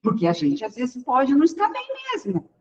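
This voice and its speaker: A woman with a Brazilian Portuguese accent gives a relaxed spiritual lecture, speaking directly to her listeners. She slips into bits of acted dialogue. The recording is slightly dull and lo-fi. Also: high voice, moderate pace. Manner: chatty, acts out everyday dialogue and addresses the audience directly.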